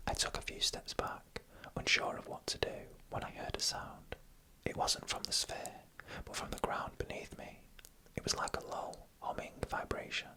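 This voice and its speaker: Whispering from start to finish, an ASMR storyteller delivers a scripted narration in a hushed, deliberate way that draws out the suspense. The sound is bright and sharp-edged, and the recording quality is low.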